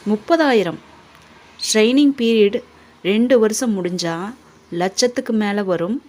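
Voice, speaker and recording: A woman voicing a young adult son who has just started working, speaking earnestly and quietly. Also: mid-range voice, a little slow, close to an everyday voice.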